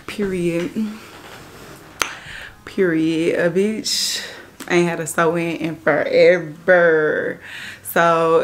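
A woman's voice: lowish voice, a little hiss or hum. A woman in her twenties chatting casually in a vlog, slangy and frank. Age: 20s. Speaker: vlogger.

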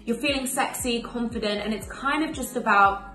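In a low-quality, reverberant recording, a young woman with a slightly high, pushed and bright voice talks to camera. She's an emerging singer who grew up in Spain, chatting upbeat about her music in casual interview answers and listing things quickly, in a small bright indoor room.

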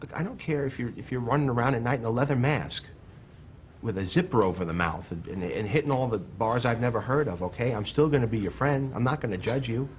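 Man, mid-range voice, earnest, halting, faint noise behind. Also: medium pitch, lively intonation.

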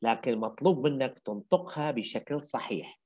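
A man's voice: mid-range voice, expressive, normal speed, darkish tone. An older man with an Iraqi accent, lecturing university students and explaining step by step while repeating key phrases. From Iraq. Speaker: English teacher.

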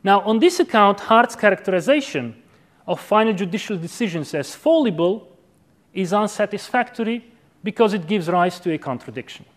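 A man in his thirties giving an academic lecture in a measured, didactic way, checking in with short tag questions. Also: sits high, lively intonation. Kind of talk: academic lecture, philosophical argument. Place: university lecture room with chalkboard. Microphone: clip-on lapel microphone.

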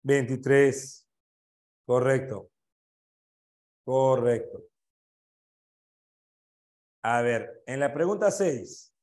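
Slow-talking Peruvian teacher, echoey room. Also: male voice, mid-range voice, animated, darkish tone. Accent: Peruvian Spanish. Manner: checks answers item by item, asks students questions. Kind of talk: online exam review class.

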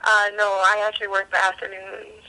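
Casting: female store clerk, bright medium-pitched voice, casual and accommodating, over a phone speaker. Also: little pitch movement, a little fast, smooth, rough recording. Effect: telephone. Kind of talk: customer service phone call. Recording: voice heard through phone speaker.

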